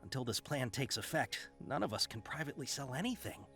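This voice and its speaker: An actor playing a flustered caravan merchant in a video game, speaking hesitantly and dramatically. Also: male voice, medium pitch, lively intonation, brisk, natural voice. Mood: worried, apologetic. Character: flustered male caravan merchant, eager to please. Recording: music behind the voice.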